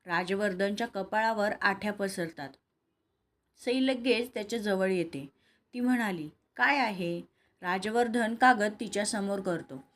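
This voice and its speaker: A woman's voice: medium pitch, measured pace. A woman reading a romantic serial story aloud, voicing every character in her own voice. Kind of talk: scripted story narration with dialogue.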